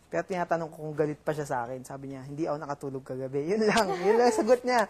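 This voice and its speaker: Halting young Filipino man telling a story. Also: fairly high pitch, darkish tone. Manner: halting, many fillers and restarts. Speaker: reality show housemate. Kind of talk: casual storytelling.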